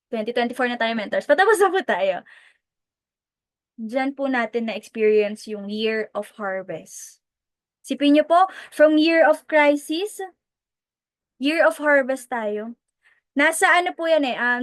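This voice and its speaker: A Filipino woman, a sales team mentor, giving an animated motivational testimony in Tagalog mixed with English. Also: high-pitched, dry recording. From Philippines. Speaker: direct-selling team mentor.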